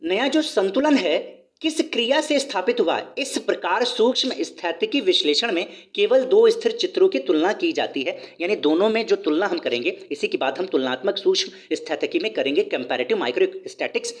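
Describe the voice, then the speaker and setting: A man's voice: high voice, expressive, a little fast. A man teaching a lesson on video, who reads from a book, explains in his own words, repeats points and asks rhetorical questions. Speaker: economics teacher.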